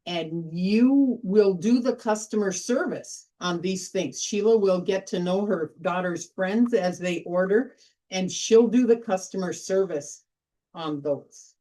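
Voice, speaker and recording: A woman's voice: mid-range voice, unhurried, mellow. Chatty middle-aged woman leading a workshop. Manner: chatty, storytelling, emphatic repetition. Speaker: workshop host. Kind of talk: informal sales workshop talk.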